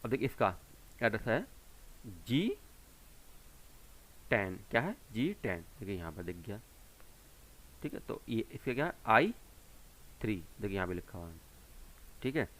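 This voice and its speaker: A man teaching beginners in a tutorial video. He goes slowly and patiently, asks a question and then answers it himself, and repeats each point so that children can follow. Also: lowish voice, animated, fairly bright tone. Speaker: computer teacher. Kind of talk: screen-recorded tutorial explanation.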